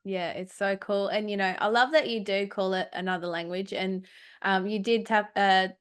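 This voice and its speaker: A woman's voice: mid-range voice, fairly even intonation, moderate pace, smooth. A woman hosting a casual podcast interview, effusive and encouraging toward her guest. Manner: warm, encouraging, effusive praise. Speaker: podcast host.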